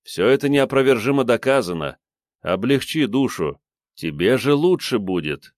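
A man voicing a calm, sly investigator who questions a suspect with ironic, coaxing remarks. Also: mid-range voice, normal speed, no echo, studio quality, voice pushed up, lightly acted. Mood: mocking.

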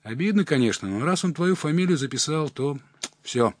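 A man's voice: on the high side, expressive, normal speed, dry recording, voice pushed up. A man voicing a sly, sighing older male market hustler in a story reading, with rustic folksy talk. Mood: mock sorrowful. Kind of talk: audiobook character voice.

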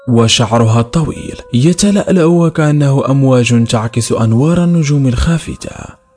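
A man with a mid-range voice reads a horror story at a steady, measured pace. Soft music runs faintly underneath his narration. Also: medium pitch.

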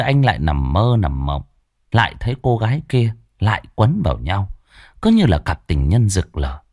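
A man narrating a horror story in a slow, dramatic, hushed manner. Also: lowish voice, no room sound, studio quality. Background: faint music.

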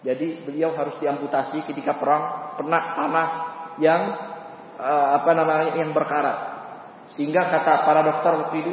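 A man's voice: on the high side, slight background noise. A man preaching a sermon, telling stories with acted voices and rhetorical questions. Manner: animated storytelling, acts out voices, rhetorical questions. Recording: echoey hall, distant mic, dull sound.

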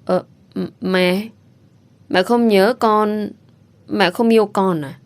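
A woman's voice: medium pitch, steady tone, takes it slowly. A woman voicing a small, affectionate boy who talks in a pleading, childlike way. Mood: eager.

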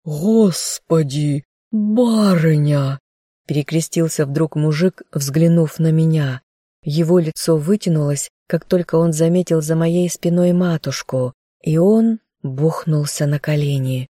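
A woman reading a novel aloud in scripted first-person narration with a steady storytelling manner. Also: deep voice, a little slow, no echo, studio quality. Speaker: audiobook narrator.

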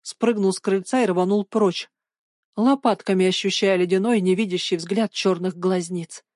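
A woman narrating an audiobook of a spooky children's story in a measured, suspenseful way. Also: medium pitch, steady tone, darkish tone, no echo, studio quality.

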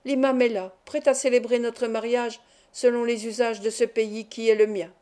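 A woman's voice: on the high side, little pitch movement, normal speed, warm tone, close to an everyday voice. A woman reading the part of a menacing man forcing a young woman toward marriage, cold and threatening. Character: menacing villainous man pressing a forced marriage.

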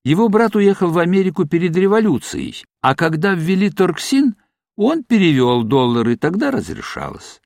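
A man voicing a frightened arrested doctor who pleads and breaks into hysterical shouts, read as an audiobook. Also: high voice, big pitch swings, normal speed, gravelly, no room sound, studio quality, pitched above the performer's own voice, full character voice. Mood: pleading. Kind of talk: audiobook reading.

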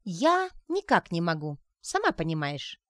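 A woman reading aloud and voicing an excitable young woman who talks loudly in eager exclamations. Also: on the low side, a little slow, no echo, studio quality, full character voice. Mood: apologetic. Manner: loud, exclaiming.

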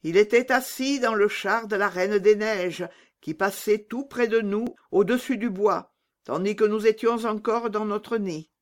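A woman's voice: mid-range voice, a little slow, pitched above the performer's own voice, close to an everyday voice. A woman voicing a pair of chatty wood pigeons in a children's storybook reading. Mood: telling. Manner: chatty, breaking into cooing.

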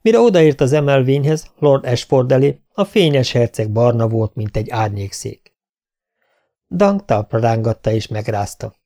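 A man narrating a fantasy story as an audiobook reader, measured and steady. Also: mid-range voice. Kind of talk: scripted narration.

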